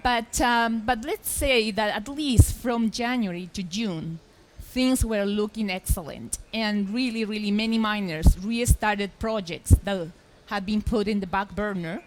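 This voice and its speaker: A middle-aged woman from Chile, giving a lively, emphatic conference presentation from a stage microphone. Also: mid-range voice, a little slow, poor audio. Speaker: journalist, conference speaker. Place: expo hall stage.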